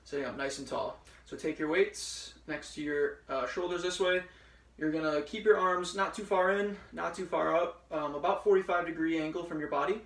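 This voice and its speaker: A man's voice: a little high, echoey room, far from the mic. A man leading a workout class, cueing each exercise step by step with encouragement, a little out of breath. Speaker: fitness instructor. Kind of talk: workout instruction. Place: room at home with a ceiling fan.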